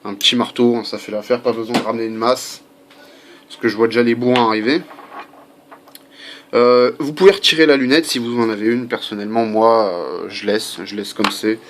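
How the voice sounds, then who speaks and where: This is a mid-range male voice, fairly even in intonation and a touch quick. In a laid-back how-to recorded at home, the hobbyist swaps out an airgun part, rambling with lots of fillers and asides over faint background construction.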